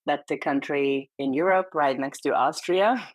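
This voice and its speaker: A middle-aged Hungarian woman, a perinatal therapist, is a guest on a podcast, speaking candidly and earnestly in a Hungarian accent and laughing lightly between phrases. Her low voice moves a little slowly in this conversational interview, recorded with no echo.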